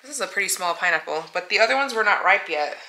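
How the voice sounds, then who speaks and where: A woman's voice: medium pitch, animated, fast talker, bright, forceful tone, low-quality recording. An American woman vlogger chatting casually and thinking aloud, with lots of fillers, sounding tired. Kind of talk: casual chat.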